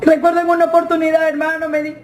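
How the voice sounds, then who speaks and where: A woman's voice: very high-pitched, completely flat delivery, quick pace. A woman giving an emotional church testimony in a church hall, often calling her listeners "brother". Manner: keeps addressing listeners as "hermano". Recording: echoey hall with faint noise.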